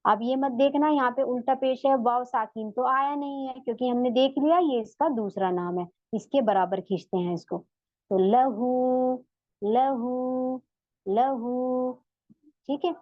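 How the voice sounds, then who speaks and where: A woman's voice: on the high side, moderate pace, no echo, highs cut off. A woman teaching tajweed in an online lesson, patiently stretching out sounds to demonstrate them. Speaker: Quran recitation teacher.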